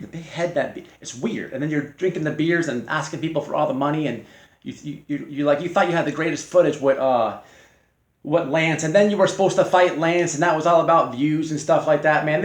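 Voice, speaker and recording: A man who runs his own channel responds to a rival in a mocking, combative way, his voice a little high and the recording reverberant. He speaks haltingly, restarting and using many fillers.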